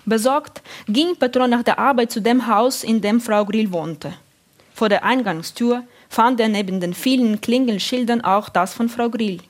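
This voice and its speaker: Woman reading a story aloud, calm and measured, a bit high-pitched. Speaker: narrator. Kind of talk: audiobook reading.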